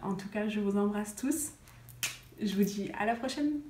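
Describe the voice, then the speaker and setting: A woman's voice: mid-range voice, normal speed. A woman vlogging about wellness in a casual chat to the camera, chatty and full of hesitations. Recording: roomy sound with faint noise.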